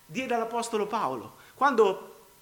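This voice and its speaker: A man delivers a sermon in an echoey room, sounding congested and clearing his throat often. He is very animated yet unhurried, swinging between loud emphasis and low, quiet phrases while repeating his words.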